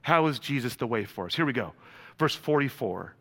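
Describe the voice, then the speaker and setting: A male pastor preaching a sermon, animated, with sudden loud peaks, quiet drops and casual slang asides to the congregation. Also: medium pitch, a little fast, long reverb tail.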